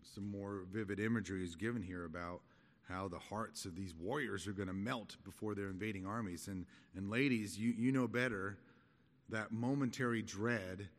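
A middle-aged man giving an expository Bible study in a halting, conversational, explanatory manner. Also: lowish voice. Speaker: Bible teacher. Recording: echoey hall with long reverb.

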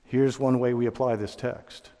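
Male pastor preaching, emphatic and mellow, church hall echo. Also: mid-range voice, fairly even intonation, moderate pace. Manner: emphatic, rising to loud peaks. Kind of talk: sermon. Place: church sanctuary.

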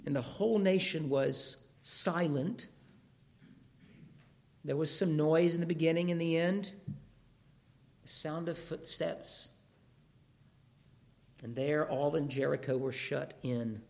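Slowly delivering a sermon, a male preacher with a fairly high, darkish voice takes his time over each phrase and pauses often. His voice is wearing out, with vocal fry as he loses it, and he keeps posing rhetorical questions to the congregation.

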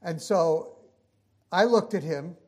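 A man preaching, telling a story with punchy, animated delivery and acted-out dialogue. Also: fairly high pitch, takes it slowly. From New York. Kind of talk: storytelling sermon.

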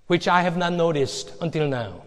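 A man preaching a sermon, emphatic, reading scripture slowly and pointedly. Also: a little high, expressive, a bit bright, big-room sound.

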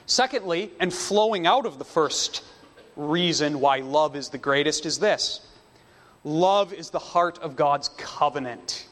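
A man preaching a sermon, slow and emphatic, with dramatic pauses between phrases. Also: on the high side, animated, fairly bright tone, long reverb tail.

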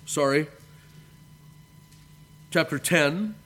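A man, a pastor, preaching a measured sermon and reading scripture aloud. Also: a little high, fairly bright tone. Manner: addresses listeners as beloved.

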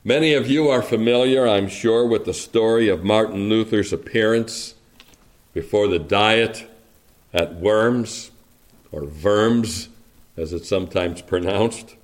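Slow, measured male preacher. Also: on the low side. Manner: slow, measured, reflective delivery with rhetorical asides. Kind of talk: sermon with scripture reading.

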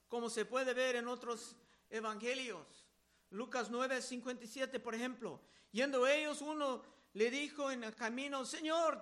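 Guy preaching verse by verse, really high bright voice, reads scripture then explains it. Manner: reads scripture aloud and explains it, repeating key words. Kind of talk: verse-by-verse Bible teaching.

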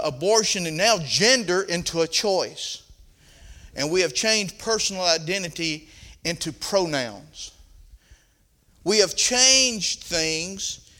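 An older man with a Southern accent preaches a folksy sermon from a roomy church platform, reading scripture and building up to emphatic points. His voice is high with a sharp tone.

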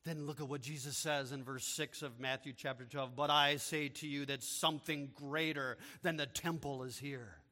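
Pastor guy preaching, bright kinda high voice, big echoey church hall, gets loud and punchy at the peaks. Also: fairly even intonation, normal speed, hardly any pauses. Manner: swings from quiet explaining to loud proclaiming. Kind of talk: expository sermon. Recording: long reverb of a large hall.

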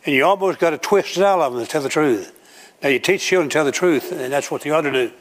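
A man's voice: fairly high pitch, fast talker. A man preaching a sermon to a congregation, telling homely stories and acting out everyday scenes. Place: church room with a congregation.

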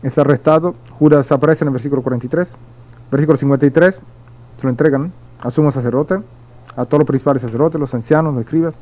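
Dark-voiced man preaching a sermon. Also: on the high side, poor audio. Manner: reads verses aloud, then explains them with repeated emphasis; slips and restarts at times. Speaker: pastor. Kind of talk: midweek sermon with Bible reading.

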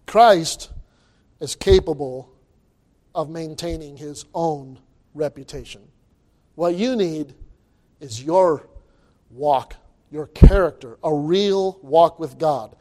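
A man's voice: a little high, slow, long pauses, darkish tone. A man preaching an informal sermon as a pastor, emphatic and folksy, repeating phrases and restarting his sentences. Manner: folksy, colloquial wording.

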